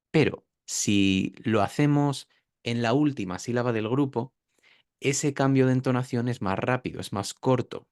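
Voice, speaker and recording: Guy teaching pronunciation, lowish voice, smooth and clear, dry close sound. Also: no room sound. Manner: demonstrates sounds by drawing out words. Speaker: pronunciation teacher, interview guest. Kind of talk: explanatory interview talk.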